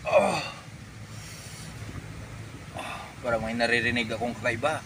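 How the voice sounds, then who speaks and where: A man playing a naive, excitable would-be superhero in a comedy skit, thinking aloud in melodramatic exclamations. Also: medium pitch, unhurried, close to an everyday voice. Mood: startled, pained. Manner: exclamatory, melodramatic self-talk with villain-like laughing. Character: excitable naive man turning superhero after a chicken peck. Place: outdoors. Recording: noisy outdoor recording with vehicle sounds.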